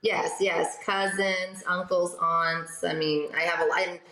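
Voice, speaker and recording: A woman in her thirties from South America, a radio host chatting in an interview, animated and full of restarts. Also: lowish voice, a little slow. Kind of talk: casual interview chat. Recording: echoey room.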